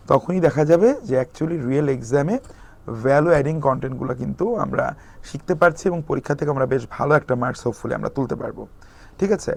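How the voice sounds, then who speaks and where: A young man lecturing for exam preparation, explaining at length, mixing English terms into his speech and pausing on fillers. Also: mid-range voice, creaky, darkish tone. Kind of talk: recorded lecture.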